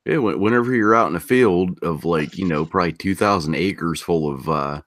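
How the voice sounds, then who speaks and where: A man's voice: sits low, a little fast, fairly bright tone, no room sound, clean studio sound. A man in a casual group voice chat who talks about farm life in a blunt, crude way. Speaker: chat participant.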